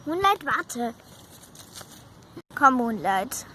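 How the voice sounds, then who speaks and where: A woman's voice: fairly high pitch, sing-song, very slow, pushed and bright, a little hiss or hum, full character voice. A woman voicing a patient horse who coaxes and reassures a companion. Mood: coaxing. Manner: coaxing, reassuring.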